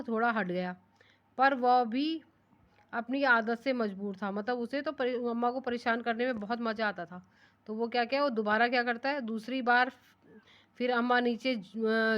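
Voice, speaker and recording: A woman's voice: a little high, fairly bright tone. A woman teaching young pupils, reading a children's story aloud and explaining each line in simpler words, with frequent questions to the class. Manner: rereads lines slowly then explains them in simpler words; asks the class rhetorical questions. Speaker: primary school teacher.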